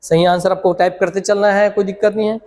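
Upbeat coaching teacher, high voice. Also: male voice, fast, in a large hall. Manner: animated, urging, repeats questions and answers. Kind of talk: online exam-prep class, quizzing viewers.

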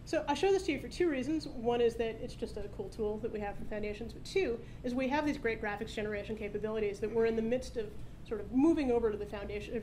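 A woman in her thirties giving a live product demo from a podium at a tech meetup, explaining in a brisk, upbeat way. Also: fairly high pitch, dark tone, a little hiss or hum, low-quality recording. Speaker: startup founder presenting a product demo. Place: conference stage at a meetup, indoors. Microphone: podium microphone.

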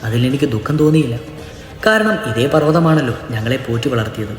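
A man giving a solemn, measured scripted narration of a legend as storyteller. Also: mid-range voice, very animated, faint music behind. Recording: echoey narration with long reverb.

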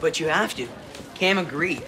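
A man's voice: on the high side, moderate pace, noisy background, close to an everyday voice. A teenage male actor playing a smug, eager schoolboy suitor with a pompous manner in a TV comedy. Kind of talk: TV teen comedy acting. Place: indoor film set.

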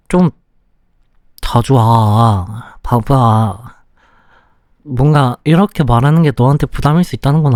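A young man playing a sulky, clingy boyfriend in a whispered role-play, speaking softly and pouting close to the mic. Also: mid-range voice, no echo, lightly acted. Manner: slow, soft, close-up ASMR delivery with pouty complaints.

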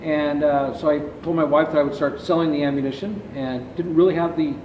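A middle-aged man who founded a company speaks in a rather high, steady voice at a fairly quick pace, giving long answers to interview questions and gesturing with his hands. He's indoors in a large warehouse lined with shelving, filmed by a distant camera. The sound echoes and comes across dull and far away, with background noise.

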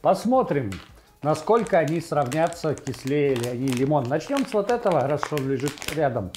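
A man in his forties hosting a casual tasting video in a home kitchen on a clip-on mic, thinking aloud in a halting way. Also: fairly high pitch, very animated, noisy background. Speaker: host of a food tasting video. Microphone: lavalier clipped to T-shirt.

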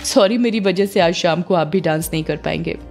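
A woman voicing a shy, doting young woman who speaks softly and hesitantly in a storybook reading. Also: on the low side, brisk, gravelly, soft background music.

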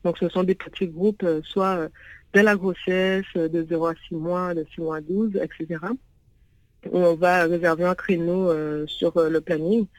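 On a low-quality phone call with no room sound, a woman with a lowish voice and fairly even intonation speaks at moderate pace. She's a native English speaker, the founder of a parents' venue, interviewed as a guest and hesitating with plenty of fillers.

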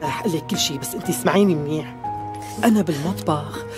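A woman's voice: low-pitched, rapid-fire, natural voice. A woman with a Syrian accent acting a nosy, fretful middle-aged servant in a dubbed television drama. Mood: conspiratorial. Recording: prominent background music under dialogue.

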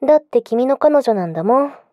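A woman's voice: high-pitched, dry recording, highs cut off. A woman playing a clingy, possessive yandere girlfriend in an intimate pillow-talk role-play, coaxing and insistent.

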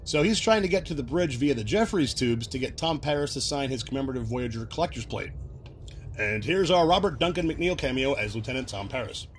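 A man hosting a casual recap video, chatty and quick to laugh as he explains references. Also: mid-range voice, lively intonation, a little hiss or hum. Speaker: video host.

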